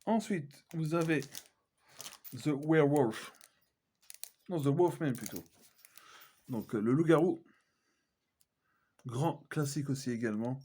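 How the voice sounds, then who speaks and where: A man's voice: fairly high pitch, slow pace, pauses often, a little mellow, husky. Chatty man showing his films. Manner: chatty, hesitant, many fillers and self-corrections. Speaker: collector vlogger. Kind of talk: casual unboxing chat.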